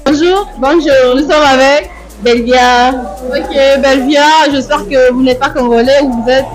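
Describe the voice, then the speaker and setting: A woman interviewing fans at a football viewing event, asking lively, playful questions. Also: sits high, a little slow. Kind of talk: street vox-pop interviews. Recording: music loud behind. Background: music.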